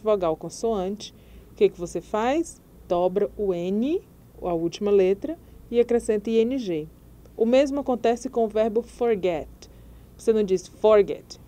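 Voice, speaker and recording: A woman's voice: mid-range voice, warm tone. A woman teaching English grammar, patiently explaining rules and spelling out letters one by one. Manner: patient, spells out letters and repeats example words slowly. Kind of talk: slow explanatory grammar lesson.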